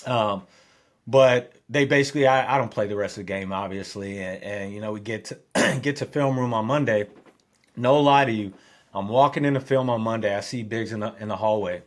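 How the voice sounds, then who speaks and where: A middle-aged man, a former football player, telling a story as a podcast guest, growing lively and loud as he acts out the scenes. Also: brisk. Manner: animated storyteller, gets louder and higher when excited. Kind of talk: storytelling in an interview.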